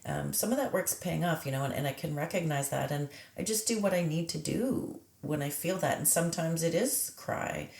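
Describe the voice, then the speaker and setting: Woman, deep with some fry, reflective podcast talker, echoey room. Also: darkish tone. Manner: reflective, measured, with frequent pauses and fillers. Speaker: podcast conversation partner. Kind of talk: casual reflective conversation.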